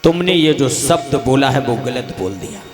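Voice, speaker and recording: A male preacher voicing an angry young warrior prince, speaking in a lower, stern, scolding voice. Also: animated, normal speed, over music, close to an everyday voice.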